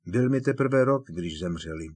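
Teen wizard boy, grim and pushy, kinda quiet, a guy reading it, dry sound. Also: low voice, expressive, dry recording. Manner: quiet, relentless, earnest.

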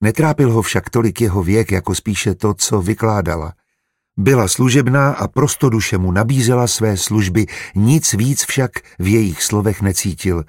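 A man with a husky voice reading an audiobook in steady, even scripted narration. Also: on the low side, no echo, studio quality.

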